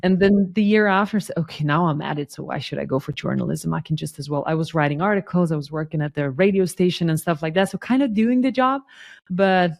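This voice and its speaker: A woman's voice: on the low side, fast, creaky. A woman from Lithuania in her thirties, a sales guest explaining her path in an earnest, conversational way with frequent asides. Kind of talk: conversational interview.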